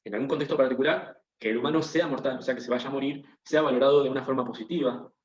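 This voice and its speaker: A male teacher lectures over a video call, explaining each point patiently and pausing to check that the class is following. His voice sits in the middle range and comes through a computer microphone, with a roomy echo and dull lo-fi audio. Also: mid-range voice.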